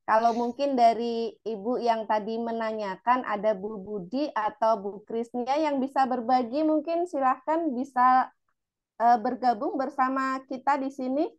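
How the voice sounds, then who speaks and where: A woman's voice: fairly high pitch, measured pace, highs cut off. An Indonesian woman moderating a teachers' webinar and sharing her own classroom experience. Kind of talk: webinar talk.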